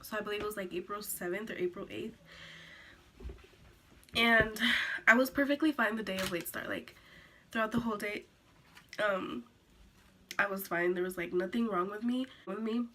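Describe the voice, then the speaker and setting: A teenage girl telling a sit-down story to her camera, rambling with lots of "like"s and restarts, a little hoarse from being sick. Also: medium pitch, moderate pace, pauses often, fairly bright tone, slight background noise. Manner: rambling, filler-heavy, many "like"s and restarts. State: recovering from illness, coughing. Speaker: vlogger.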